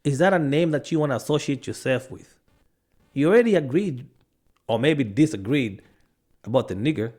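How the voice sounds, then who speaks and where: A man's voice: medium pitch, expressive, moderate pace, long pauses, a little mellow. A man from Africa giving a ranting monologue to camera, arguing hard and firing off one rhetorical question after another. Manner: argumentative, fires off rhetorical questions; stops to check notes mid-rant, with restarts. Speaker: video commentator.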